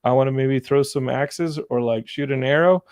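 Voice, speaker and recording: A man's voice: mid-range voice, normal speed, darkish tone, clean tone, dry recording, studio quality. A young man co-hosting a podcast, telling stories in a casual, joking way and mimicking people in silly voices. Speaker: podcast co-host. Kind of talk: casual chat.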